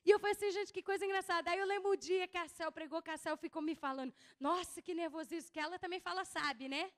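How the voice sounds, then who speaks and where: A woman's voice: very high voice, rapid-fire. A young woman preaching a sermon in a casual, self-deprecating storytelling way, often acting out what others said. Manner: quotes others in lively acted asides.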